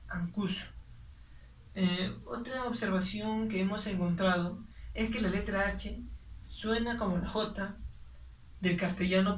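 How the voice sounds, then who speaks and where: Young student presenting in class, halting with fillers; roomy, distant classroom sound. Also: mid-range voice. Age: young adult. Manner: hesitant with frequent fillers. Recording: echoey room, distant mic, faint noise.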